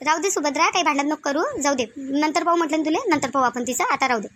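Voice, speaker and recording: A woman voicing calm peacemaking village group leader. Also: sits high, fast, a little hiss or hum. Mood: soothing. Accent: Varhadi Marathi. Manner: soothing, pleading, repetitive.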